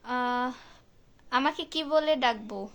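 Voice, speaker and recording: A woman's voice: high-pitched, takes it slowly, fairly bright tone. A woman from Bangladesh, hosting a live stream and chattily reading out and answering viewers' comments. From Santahar, northern Bangladesh. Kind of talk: casual live-stream chat.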